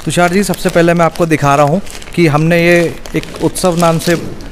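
A man who owns a factory, pitching his product in halting, earnest talk on a warehouse floor. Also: fairly even intonation, a little hiss or hum. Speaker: factory owner.

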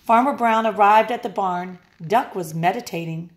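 A woman teacher reading a picture book aloud with expressive, playful storytelling. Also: mid-range voice, normal speed. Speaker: music technology teacher.

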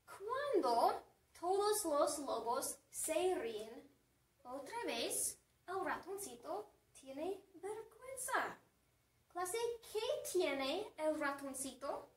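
A woman teacher telling a simple story to her class, speaking slowly and with plenty of repetition, and stopping to ask the students questions. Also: sits high, big pitch swings, recorded from a distance, slight background noise. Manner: slow, deliberate and repetitive. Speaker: language teacher. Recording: echoey room, away from the mic.

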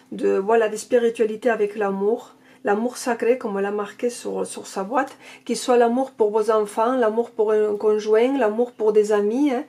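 A woman's voice: fairly high pitch, gravelly, dark tone. A woman with a non-native French accent chatting casually as she unboxes and reviews an oracle card deck. She gushes and keeps repeating her praise.

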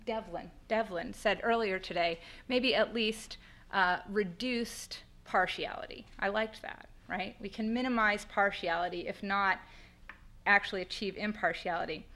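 American woman panelist giving a talk, bright forceful voice, slushy lisp on her s's, explains stuff conversationally. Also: mid-range voice. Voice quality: lateral lisp on S sounds. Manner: conversational, explanatory, with rhetorical questions. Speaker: panelist presenting at a law school conference. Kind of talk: semi-formal spoken presentation. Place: indoor lecture room at a podium. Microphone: podium microphone on a boom stand.

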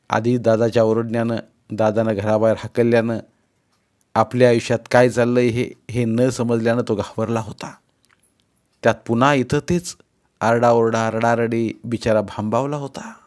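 A man reading a novel aloud in calm, measured scripted narration. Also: mid-range voice. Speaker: audiobook narrator.

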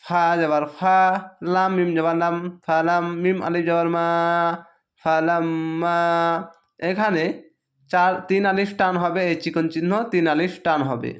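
A man teaching Quran reading in a Bangladeshi Bengali accent, spelling each syllable slowly and patiently in a drawn-out recitation. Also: fairly high pitch, little pitch movement. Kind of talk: slow letter-by-letter spelling lesson.

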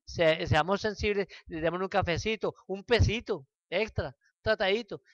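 A Puerto Rican man leading a church Bible study, telling stories lively with acted-out quotes and rhetorical questions. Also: sits high, moderate pace, no room sound, highs cut off. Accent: Puerto Rican Spanish. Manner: lively storytelling, acts out quotes, rhetorical asides. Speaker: Bible class teacher.

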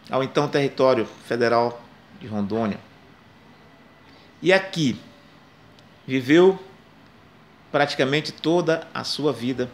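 An older Brazilian man telling a jungle legend in a slow, dramatic way, with long pauses and rising emphasis, recorded close on a phone in a small room. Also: medium pitch. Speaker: storyteller. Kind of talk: oral storytelling of a legend. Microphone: phone camera close to face.

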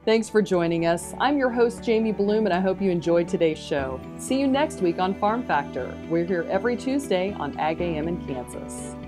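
A woman's voice: lowish voice, animated, normal speed, music in the background. A woman hosting a farm program, reading scripted links in an upbeat presenter manner. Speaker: show host.

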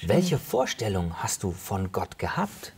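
Male interviewer, husky and breathy, calm prompting questions. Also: on the low side, unhurried. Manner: gentle, prompting with short "mhm"s.

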